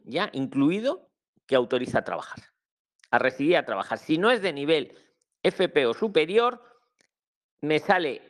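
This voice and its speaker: A fairly high-voiced man hosting a live video call. He explains step by step, repeating himself, and his pitch swings widely as he talks. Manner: animated, repetitive explaining. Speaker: host of an online immigration advice session.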